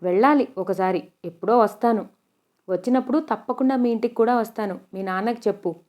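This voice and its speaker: A woman's voice: on the high side, brisk, a little mellow, lightly acted. A woman voicing a nosy, tactless older village woman who pries and scolds in a storybook reading. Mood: prying. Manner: prying, tactless, teasing.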